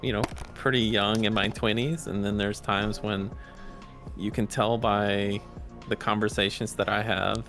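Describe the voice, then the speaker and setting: A man as a guest in a casual interview chat, earnest and halting, restarting his sentences. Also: fairly low pitch, little pitch movement, creaky, a bit bright, soft background music.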